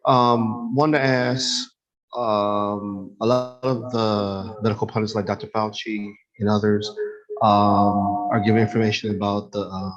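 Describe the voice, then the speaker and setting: A man's voice: fairly low pitch, muffled recording. A man asking a question in an online Q&A, hesitant with many fillers and restarts, his audio full of reverb. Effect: heavy reverb on his audio, like a big echoing room. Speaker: audience member asking a question.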